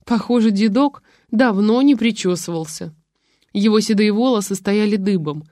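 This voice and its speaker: A woman reads a first-person story as an audiobook, telling it in a lively way. Her voice sits at a middling pitch. The recording is dry and close, with no room sound. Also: normal speed, dry recording. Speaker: narrator.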